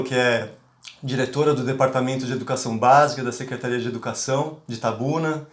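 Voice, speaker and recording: In a reverberant recording, a mid-range male voice from Bahia, Brazil, addresses teachers in an online lecture about his role as a conflict mediator. He hesitates often, filling pauses and restarting frequently.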